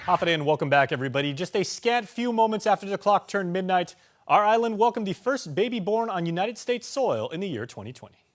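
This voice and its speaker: Male news anchor, scripted delivery, fairly high voice, very lively intonation. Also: fast, faint music behind.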